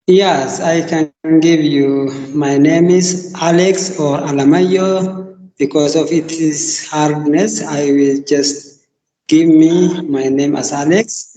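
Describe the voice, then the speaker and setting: A man from Ethiopia speaks very slowly and with care, in a mellow, somewhat high voice. His call audio carries a long, roomy echo and faint hiss. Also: steady tone. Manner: slow, careful, hesitant non-native phrasing. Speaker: university computer teacher. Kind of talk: casual conversation practice. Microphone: online call.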